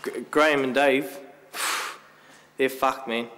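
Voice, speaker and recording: An actor with an Australian accent playing a fed-up builder neighbour giving a blunt, swearing interview in a mockumentary. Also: male voice, medium pitch, fairly even intonation, takes it slowly, pushed and bright, long reverb tail.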